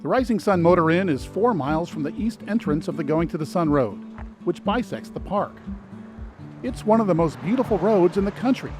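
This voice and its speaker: Male travel guide voice-over, slightly high, animated delivery, dry wit, soft music underneath. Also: a little fast. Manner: dry, lightly sarcastic asides. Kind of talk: scripted travel narration. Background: soft background music.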